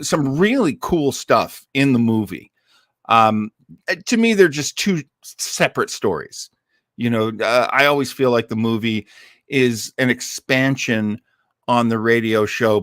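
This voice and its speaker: The host of an old-time radio listening party chats casually and enthusiastically to his live audience, wandering off on tangents with a touch of dramatic emphasis. His mid-range voice is a bit bright, and the studio recording is clean and dry.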